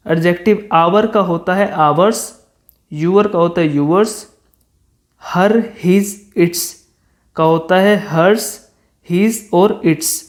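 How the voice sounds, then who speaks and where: A teacher giving an exam-prep English grammar lesson in Hindi, slowing down to read out English word pairs and example sentences, recorded as a close-mic voice-over. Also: mid-range voice, darkish tone.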